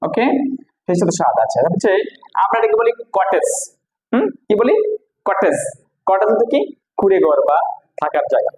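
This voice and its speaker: A man's voice: high voice, lively intonation, a little mellow, a little hiss or hum. Echoey Bangladeshi man teaching pronunciation. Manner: repeats each word slowly, quizzing the viewer. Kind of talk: spoken classroom lesson.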